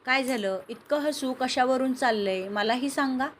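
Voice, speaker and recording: A composed young boss keeps his team in line with dry, firm remarks, as a woman reader gives him a higher, light tone. He stays level and in charge, with a faint teasing edge. The story is told in a plain reading voice with only a slight hiss behind it. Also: moderate pace, natural voice. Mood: stern. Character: calm stern young male boss.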